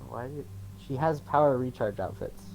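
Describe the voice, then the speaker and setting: A man co-hosting a game stream, reacting with animated, profane banter. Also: mid-range voice, normal speed, soft background music, rough recording. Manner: animated, swears freely. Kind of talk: casual game commentary.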